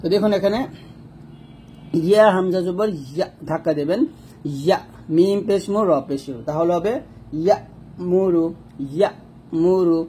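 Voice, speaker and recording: A man teaching Quran reading, slowly drilling and repeating each letter sound with drawn-out vowels. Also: sits high, mellow, a little hiss or hum. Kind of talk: spoken tutorial lesson.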